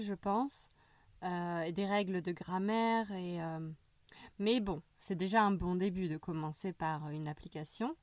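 A woman speaking slowly and a little low in casual conversation. She pauses often and restarts her sentences. The sound is dry and close. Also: no echo. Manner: hesitant, frequent euh and restarts. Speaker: language learning chat partner. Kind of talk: casual conversation with many fillers.

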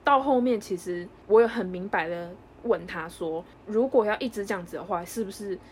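A young woman co-hosting a casual podcast, telling a story in an animated way and acting out the lines of others. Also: medium pitch, a little hiss or hum. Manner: animated storyteller, quick, acts out dialogue. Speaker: podcast co-host.

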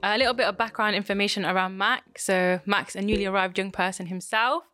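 A woman's voice: mid-range voice, steady tone, fairly quick, pushed and bright, faint music behind. A woman hosting an interview podcast, asking friendly, encouraging questions. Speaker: podcast host.

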